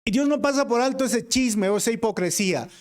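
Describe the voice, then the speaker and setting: Calling his congregation brothers, this pastor from Peru delivers his sermon briskly in an extremely high-pitched male voice with a Peruvian Spanish accent. He is earnest, shifting from forceful declarations to quiet, hushed passages.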